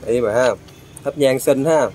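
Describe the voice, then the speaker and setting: A man hosts a vlog on location. He talks in an easygoing, halting way at a middling pitch. A crowd chatters clearly around him. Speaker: vlog host. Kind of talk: casual on-site interviewing.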